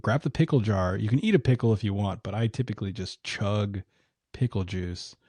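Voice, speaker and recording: A man's voice: lowish voice, brisk, dark tone, breathy edge, dry recording. A man co-hosting a podcast, chatting casually in easygoing, swearing bro talk. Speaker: podcast co-host. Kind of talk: casual chat. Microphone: podcast microphone.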